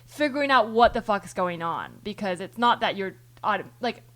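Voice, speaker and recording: A woman's voice: mid-range voice, lively intonation, moderate pace, a bit bright. A woman hosting a podcast, thinking aloud in long rambling turns full of restarts and the odd swear word. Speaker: podcast host. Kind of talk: casual chat.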